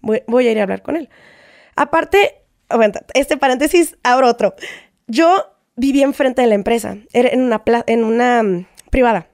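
A woman with a Mexican accent, a guest telling a personal story in casual chat, animated and often acting out what people said. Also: a little high, moderate pace, dry recording, studio quality. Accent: Mexican Spanish. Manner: animated, acts out quoted exchanges, frequent tag questions.

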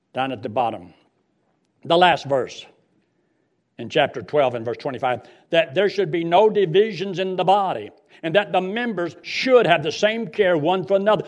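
A man preaching a sermon in a passionate, emphatic way, stretching stressed words and putting direct questions to his listeners. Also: fairly high pitch. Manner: direct address with rhetorical questions. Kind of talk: sermon with Bible reading and storytelling.

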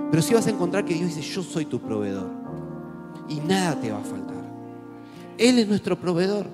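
Lively Rioplatense pastor preaching in a hall. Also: male voice, high-pitched. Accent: Rioplatense Spanish. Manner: animated, conversational preaching with jokes. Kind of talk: sermon. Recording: echoey hall with faint music.

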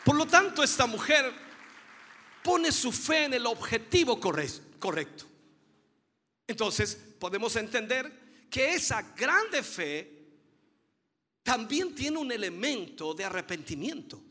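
A man with a very high, bright and ringing voice preaches a sermon with fervor, his pitch swinging widely as he stresses each point. He builds repeated phrases toward a climax and calls his listeners dear brother. His voice trails into a long hall reverb. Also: very animated, slow pace, long pauses, breathy edge, some chatter behind. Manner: fervent, emphatic preaching with rising repeated phrases.

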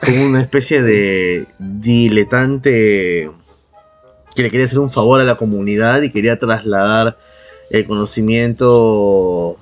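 Background music plays under a Peruvian co-host, a man with a Peruvian Spanish accent whose casual podcast talk is opinionated, slangy, and heavily profane. He speaks at a measured pace in a lowish voice.

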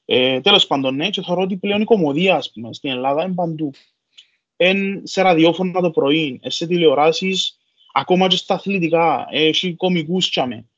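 A man speaks in a somewhat high voice with a Cypriot Greek accent. He talks in a loose, colloquial podcast style, leaning on repeated filler phrases. The recording is a little muffled. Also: a bit bright. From Cyprus. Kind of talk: casual podcast conversation.

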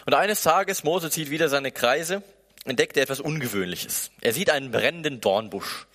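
A man's voice: on the high side, expressive, moderate pace, fairly bright tone. A male preacher delivering a sermon, talking to his listeners plainly and conversationally. He often acts out the inner thoughts of the people in his story. His voice carries a long reverb from a large hall.

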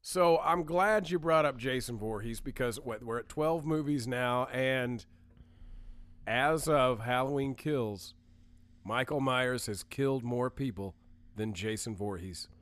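A man's voice: mid-range voice, measured pace, fairly bright tone. A man co-hosting a podcast, talking casually and enthusiastically, laughing easily. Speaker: podcast co-host. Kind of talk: casual chat.

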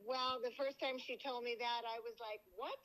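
Woman, middle-aged, heard over a phone on speaker, doting mother calling in, casual chat, fairly high voice. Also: steady tone, normal speed, a bit bright, rough recording. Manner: affectionate, doting.

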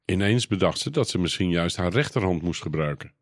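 Male storybook narrator, low voice, calm even read, dry close sound. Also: a little fast, dry recording.

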